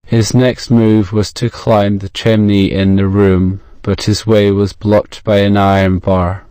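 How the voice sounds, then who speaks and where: Low, smooth British male narrator. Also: little pitch movement, measured pace, dark tone, no echo. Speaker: audiobook narrator. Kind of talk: scripted story narration for English learners.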